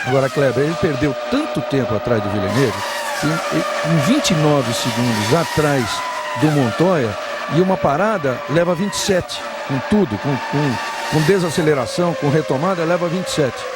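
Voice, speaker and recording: A man's voice: fairly high pitch, expressive, normal speed. A Brazilian man analysing a race live as a motorsport commentator, reasoning through the figures conversationally. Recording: very loud race-car noise. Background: race cars roaring.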